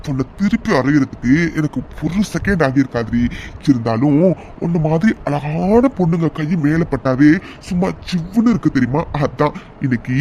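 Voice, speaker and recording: A man's voice: on the high side, a little mellow, slight background noise, lightly acted. A man voicing a swaggering young thug in a cartoon, taunting and mocking. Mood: menacing. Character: swaggering young male thug, leering, menacing. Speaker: voice actor. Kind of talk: cartoon voice acting.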